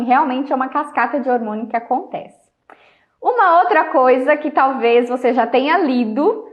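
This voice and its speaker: A woman talking casually on a live stream, chatty, laughing often and trailing off softly at the ends of phrases. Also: sits high. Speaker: host. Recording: dull lo-fi live-stream audio.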